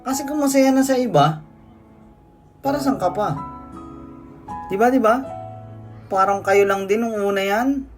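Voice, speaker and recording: An excitable narrator calls out the action of a film scene by scene, jumping in with sudden exclamations and playful jokes. The voice sits at an ordinary middle pitch, and clear music plays underneath throughout. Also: measured pace, long pauses. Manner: excitable, frequent exclamations, jokey asides. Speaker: movie recap narrator. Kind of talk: play-by-play movie recap commentary.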